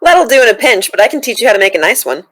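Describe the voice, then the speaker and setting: A woman's voice: fairly high pitch, very animated, very fast, a bit bright. A woman speaking in character as a player in a tabletop game, dry and matter-of-fact.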